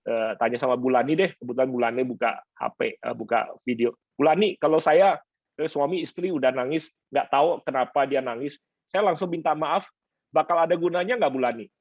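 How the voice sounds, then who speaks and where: A male pastor teaching a conference session, lively and animated, mixing in English words and acting out quoted couples. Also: fairly quick, no room sound, dull audio. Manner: lively, acts out quoted couples in higher voices; mixes English words into speech. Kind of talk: seminar teaching talk. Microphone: conference stream.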